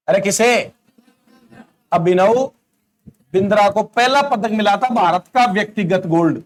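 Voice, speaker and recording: High-voiced Hindi teacher quizzing a class. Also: male voice. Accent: Rajasthani Hindi. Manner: quizzes the class with questions and answers them himself; repeats words slowly for dictation. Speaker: coaching teacher. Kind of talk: classroom lecture for exam prep.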